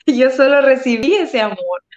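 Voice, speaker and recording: Her high, expressive voice moves at a measured pace as she speaks earnestly and with feeling about love and tears, using many fillers. It's a spiritual conversation captured in dull lo-fi sound.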